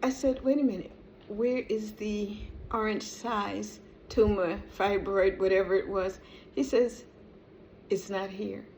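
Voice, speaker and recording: A middle-aged woman vlogger telling a personal story in a casual, animated way, often laughing and praising. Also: medium pitch, a little slow, a little hiss or hum. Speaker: vlogger sharing a testimony.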